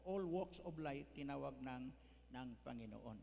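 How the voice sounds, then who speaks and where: In an echoey church hall with a faint hum, a pastor delivers a homespun sermon that blends in English and often ends lines with "ano?". His medium-pitched voice is gravelly yet a little mellow, lively in intonation, and unhurried.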